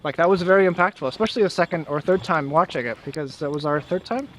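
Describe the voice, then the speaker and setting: Young man, high voice, casual vlog chat, hesitant fillers, outdoors in snow, faint background ambience. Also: fast, slight background noise. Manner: relaxed, hesitant with fillers and restarts. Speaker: vlog co-host reading viewer comments.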